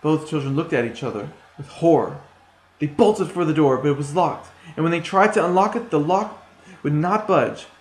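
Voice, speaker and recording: A man's voice: on the high side, normal speed. Man telling a story in an echoey room. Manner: plain, somewhat hesitant. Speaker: storytelling student.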